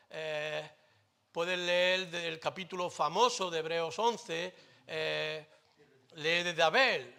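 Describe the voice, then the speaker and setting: Un pastor con acento de España predica en una iglesia con voz algo aguda y enérgica, de timbre brillante. Alterna frases fuertes y rotundas con apartes en voz baja, casi confidenciales. De vez en cuando suelta un comentario con humor sin perder el tono de sermón. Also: male voice, a little high. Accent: Spain Spanish. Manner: emphatic preaching that swings between loud declarations and quiet, close asides; lighthearted jokes mixed into the preaching. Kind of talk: sermon. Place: church. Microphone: microphone.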